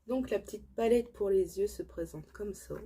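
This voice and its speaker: Chatty French woman with a mellow, husky voice. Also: mid-range voice, moderate pace. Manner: chatty, filler-heavy, enthusiastic about products. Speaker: beauty vlogger. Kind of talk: casual haul chat to camera.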